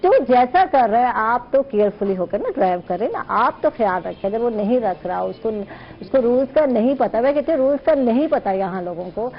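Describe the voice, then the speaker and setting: A woman's voice: a little high, animated, a little fast, lo-fi sound. Earnest opinionated woman hosting a talk show. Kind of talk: casual talk show conversation.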